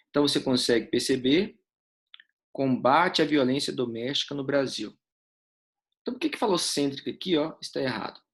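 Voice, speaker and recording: Brazilian male teacher, slightly high voice, patient step-by-step explainer, quizzes students. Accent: Brazilian Portuguese. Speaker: essay-writing teacher. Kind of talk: live online class, essay correction.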